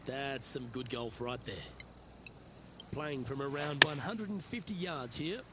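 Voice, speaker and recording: A man's voice: mid-range voice, measured pace. A man working as a golf commentator, calling play-by-play for a golf broadcast. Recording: crowd and outdoor noise behind voice. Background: loud crowd and outdoor ambience.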